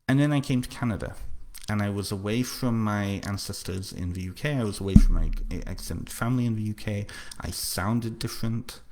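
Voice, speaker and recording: On a very noisy recording, a deep-voiced North Wales man with a faint local accent runs a casual livestream for his book launch and responds to viewer comments. He hesitates often, says words twice and fills gaps with lots of fillers.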